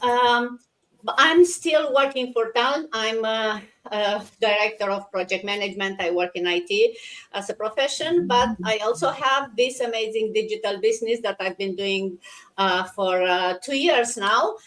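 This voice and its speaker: A woman's voice: a little high, normal speed, fairly bright tone, distant mic, rough recording. A woman from Romania, hosting a live stream in a chatty, welcoming way. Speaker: host.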